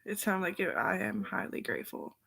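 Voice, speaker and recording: A woman's voice: mid-range voice, sing-song, fairly quick, creaky, fairly bright tone, breathy edge. A woman in a rambling casual monologue, drifting between thoughts and sometimes trailing off into whispers. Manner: meandering, loose train of thought.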